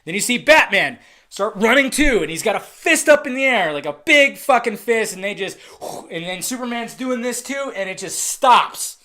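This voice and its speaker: Excitable, foul-mouthed male reviewer. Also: very high-pitched, normal speed. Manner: excitable, profane, ranting; swings between loud outbursts and muttered asides. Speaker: movie trailer reviewer. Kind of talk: casual ranting review.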